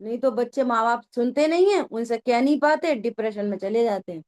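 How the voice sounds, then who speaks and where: High-voiced woman teaching a scripture class. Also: expressive, a little fast, a little mellow. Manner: conversational, keeps checking that listeners follow. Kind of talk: religious discourse to a class.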